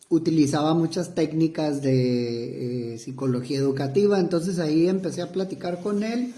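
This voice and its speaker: Un hombre mexicano de unos cuarenta años, psicoterapeuta, que responde una entrevista con titubeos, muletillas y frases que vuelve a empezar. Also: male voice, on the high side, warm tone. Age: 40s. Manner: halting, many fillers and restarts. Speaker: psychotherapist interviewee. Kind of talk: hesitant interview answers. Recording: roomy echo.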